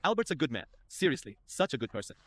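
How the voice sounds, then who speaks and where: A man's voice: medium pitch, sing-song, fast. A man narrating his travel vlog in an upbeat, chatty storytelling way. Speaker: travel vlogger.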